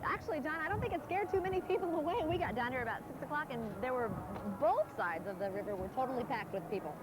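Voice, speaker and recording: A woman co-anchoring live TV coverage with an upbeat, brisk presenter delivery, heard from a worn VHS tape copy. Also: sits high, animated, background noise. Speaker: TV news co-anchor. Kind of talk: live broadcast hosting.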